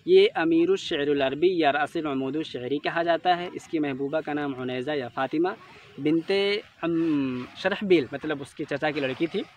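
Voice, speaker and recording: A man's voice: on the high side, distant mic, slight background noise. A man giving an exam-prep lecture, explaining step by step and repeating names so they stick. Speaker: teacher.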